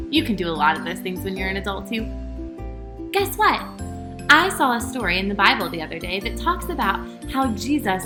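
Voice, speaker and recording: A woman pastor hosts storytime for young children, talking and reading aloud straight to them in an animated, sing-song way. Her voice is a little high, and the room is echoey.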